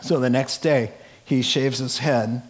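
A man's voice: mid-range voice, fairly even intonation, unhurried, poor audio. A man with a Brooklyn accent preaching in a conversational, emphatic way, acting out bits of imagined dialogue as he teaches. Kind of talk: conversational Bible-teaching sermon.

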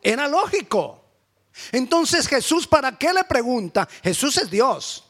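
A man's voice: extremely high pitch, big pitch swings, unhurried, fairly bright tone. A man preaching a sermon with fervent, repetitive rhetorical questions.

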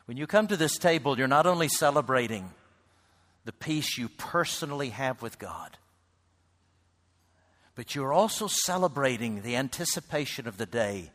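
A man preaching a sermon to a congregation, swinging between loud calls and near-whispered lines. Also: medium pitch. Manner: builds to loud shouts, then drops to a hush. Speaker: pastor. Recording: reverberant hall.

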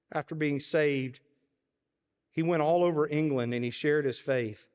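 A man preaching a sermon, telling a story dramatically, swinging between hushed tones and loud, ringing passages. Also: mid-range voice. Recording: long reverb of a large hall.

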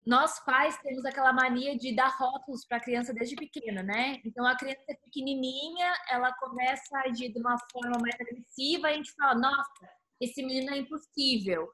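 A woman's voice: high voice, steady tone, brisk, few pauses, sharp tone. A woman and parent sharing her view in a casual group discussion, earnest and quoting everyday sayings. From Brazil.

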